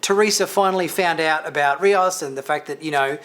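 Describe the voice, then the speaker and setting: A man's voice: fairly high pitch, a little fast, fairly bright tone. A man hosting a TV review channel, giving a casual, rambling spoken episode review with many fillers, restarts and light laughs.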